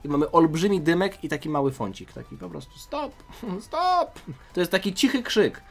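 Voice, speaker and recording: Youtuber excitable male comic reader, jokey, swears, faint music bed. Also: fairly high pitch, fast, creaky. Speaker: youtuber reading a fan comic. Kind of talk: comic read-through with reactions.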